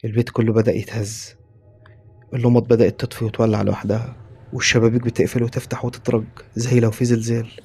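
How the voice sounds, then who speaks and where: A man's voice: mid-range voice, flat delivery, quick pace, dark tone, husky. A man with an Egyptian accent narrating a scripted horror story.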